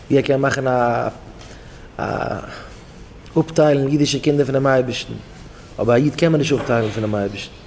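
Fervent male preacher in a reverberant hall. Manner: fervent, swings between loud pleading and hushed low tones; repeats phrases in chant-like refrains. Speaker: rabbi teaching young married scholars. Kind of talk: impassioned sermon. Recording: long hall reverb, faint background noise.

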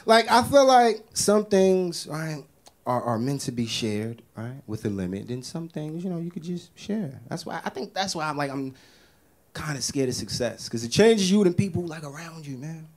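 Animated Bronx-raised comedian, lively pitch. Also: male voice, moderate pace. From the Bronx, New York. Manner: animated, exclamatory, street slang. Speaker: stand-up comedian. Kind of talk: stand-up comedy set. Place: stage before a live audience. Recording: live stage with audience laughter.

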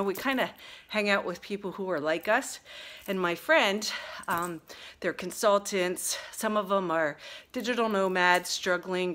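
An older woman chatting excitedly and a bit out of breath while unboxing a package at home, getting sidetracked as she talks. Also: on the low side. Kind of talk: casual unboxing vlog. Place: at home, indoors.

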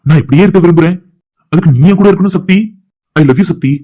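A man voicing a lovesick young village man in a cartoon, speaking a soft, sincere inner monologue. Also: on the high side, quick pace, loud music behind the voice, lightly acted. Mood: longing. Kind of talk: cartoon voice acting.

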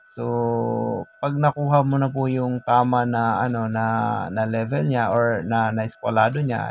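A man's voice: medium pitch, gravelly, a little mellow. A man casually explaining a welding job outdoors, chatty and full of fillers. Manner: chatty, repeats "guys" and fillers while working. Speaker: DIY welding vlogger.

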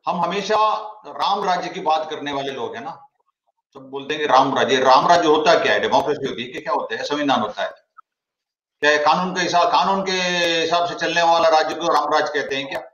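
A man with a slightly high voice argues his point as a debate guest, piling up rhetorical questions. His voice comes through a remote call with a heavy, cave-like echo. The sound is dull and lo-fi. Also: a little fast, fairly bright tone. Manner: argumentative, full of rhetorical questions. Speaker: guest commentator. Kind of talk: online debate discussion. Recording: echoey, dull lo-fi call audio.

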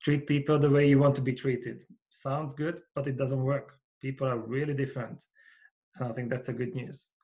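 A Hungarian-accented man in his forties speaks on a video-call podcast through a headset boom mic. His voice is mid-pitched and his delivery is earnest and measured. He sounds like he is in a small home office. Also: level tone, darkish tone. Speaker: company founder, guest. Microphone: over-ear headset with boom mic.

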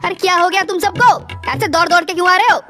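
A man's voice: very high voice, fairly even intonation, very fast. A man voicing a brash young man in a comic game video, mocking others yet stammering when frightened. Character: bold young man who scares easily. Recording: background music.

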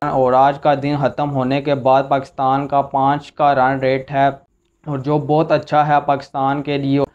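A young man in his twenties recaps a cricket match in a steady, level voice with little rise and fall. His tone is smooth and clear. He sits on a sofa in a small room, and the recording sounds a little dull and lo-fi. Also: medium pitch. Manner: steady, repetitive recap talk. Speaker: cricket channel host. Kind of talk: solo cricket commentary vlog.

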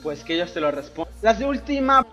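High-voiced young man joking crudely. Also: very animated, brisk, sharp tone, faint music behind. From Ecuador. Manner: boisterous, crude joking with lots of swearing. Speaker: YouTuber answering viewer questions. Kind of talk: casual Q&A voice-over over gameplay.

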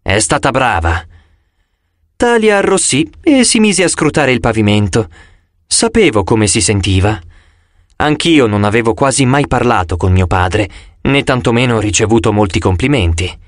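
A man reading a novel aloud as an audiobook narrator, expressive and shifting his voice for each character. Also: medium pitch, moderate pace, dry recording, clean studio sound.

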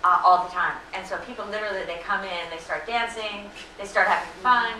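A middle-aged woman answering audience questions at a lecture, earnest and full of fillers and self-corrections, her voice slightly hoarse. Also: mid-range voice, fairly even intonation, brisk, pushed and bright, slight background noise. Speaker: invited lecture speaker. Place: lecture hall. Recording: echoey room, distant mic.

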